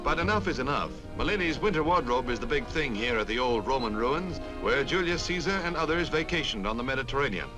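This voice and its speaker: A man's voice: mid-range voice, lively intonation, quick pace, hardly any pauses. A man giving dramatic, declamatory 1950s newsreel narration with wry quips, heard as old newsreel sound from a film soundtrack. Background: music.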